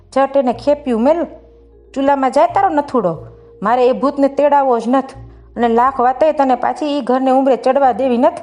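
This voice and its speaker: A woman's voice: sits high, mellow, pitched above the performer's own voice, lightly acted. A woman voicing an angry, protective village mother who speaks insistently and scoldingly.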